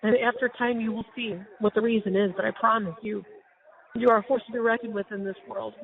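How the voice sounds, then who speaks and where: A middle-aged woman on a phone call, gently reassuring her daughter. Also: a little high, steady tone, fast, creaky. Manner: soothing, reassuring. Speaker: parent on a jail call. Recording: tinny jail phone line.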